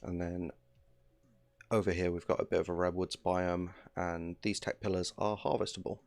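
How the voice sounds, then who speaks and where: A man's voice: sits low, level tone, normal speed, creaky, no echo. A man in his thirties streaming a game from home, chatting casually into a desk mic with lots of fillers and asides. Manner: rambling, filler-heavy, easygoing. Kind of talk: casual gameplay commentary.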